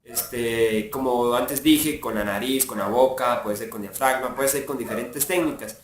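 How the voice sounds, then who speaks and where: A man's voice: mid-range voice, unhurried. A man, a voice impressionist, casually explaining his imitation techniques in a rambling way, full of filler words. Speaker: voice impressionist and fandub creator. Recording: echoey room, mic far off, faint hiss.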